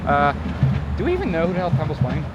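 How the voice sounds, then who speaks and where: A man's voice: a little high, wildly swooping pitch, fast, muffled recording. An American man hosting a vlog, chatting casually as he walks along outdoors. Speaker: vlog host. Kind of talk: casual walk-and-talk chat. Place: outdoors, walking by stadium lots. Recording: noisy outdoor recording with traffic ambience.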